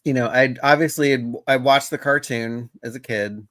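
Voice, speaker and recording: A man's voice: mid-range voice, moderate pace, fairly bright tone, dry recording. A man co-hosting a casual talk show, easygoing and reading out viewer comments. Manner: easygoing, reads out live chat comments. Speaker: podcast co-host. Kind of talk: casual chat.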